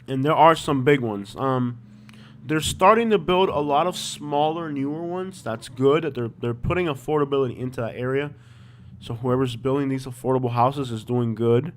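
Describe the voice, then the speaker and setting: A man's voice: mid-range voice, moderate pace. A man with a Miami accent hosting a livestream, chatting informally and thinking aloud as he comments. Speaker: livestream host. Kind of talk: casual chat, live commentary on property listings.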